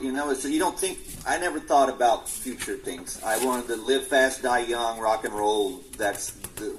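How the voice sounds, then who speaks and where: In poor audio, a medium-pitched man in his forties answers interview questions as a musician guest. He is earnest but halting, restarting his sentences again and again.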